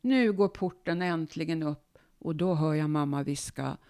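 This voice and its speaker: A woman, a guest author, reading her own memoir aloud in a calm, measured way. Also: low voice, clear, resonant tone.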